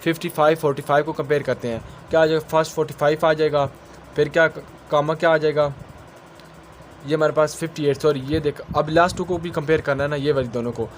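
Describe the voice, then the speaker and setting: Male tutor rushing through exam revision, fairly high voice, his own question and answer at each step, faint traffic behind. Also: fairly even intonation. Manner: mixes technical English terms into his speech. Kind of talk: quick exam-revision lecture.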